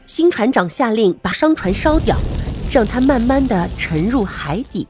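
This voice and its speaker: A woman narrating a scripted story for children as host, expressive and playful, speaking directly to young listeners. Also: on the high side, moderate pace, music in the background.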